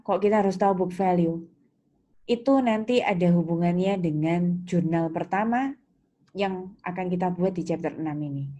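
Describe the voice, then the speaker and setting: Warm in tone and mid-range in pitch, a woman with an Indonesian accent delivers an interactive accounting lecture. She explains points in a didactic way and questions her students, with keyboard clicks and typing audible in the noisy audio.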